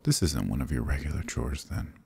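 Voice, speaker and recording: A man voicing a gravelly, breathy demon prince. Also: rumbling low, expressive, brisk, a little mellow, heavily acted. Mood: seductive. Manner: teasing, flirtatious, commanding. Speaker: voice actor in audio roleplay. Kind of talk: ASMR roleplay, close intimate murmur.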